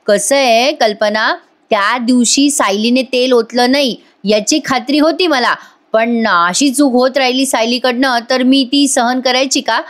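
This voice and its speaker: A woman's voice: on the high side, normal speed, lightly acted. A woman voicing a sly, teasing middle-aged husband while retelling a TV serial scene, in a plain reading voice. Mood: flustered.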